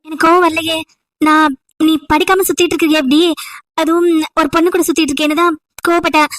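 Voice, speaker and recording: A woman voicing an irritated, sharp-tongued young female college student in an amateur audio drama, scolding with sarcastic rhetorical questions. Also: very high-pitched, little pitch movement, fast, no room sound. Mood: annoyed.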